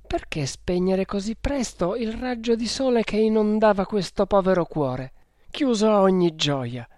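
A man's voice: a little high, expressive, measured pace, no echo, clean studio sound. A man voicing a desperate young woman held captive in an audiobook, pleading in anguish. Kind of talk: audiobook character reading.

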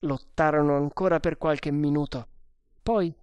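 A woman narrating an adventure novel aloud in a measured, deliberate way. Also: sits low, steady tone, a little mellow, no echo. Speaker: audiobook narrator.

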